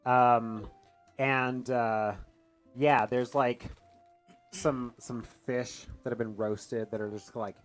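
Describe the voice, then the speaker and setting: A man playing in a tabletop game, describing scenes in an animated, casual way, with frequent casual swearing. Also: mid-range voice, slow, faint music behind. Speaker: player.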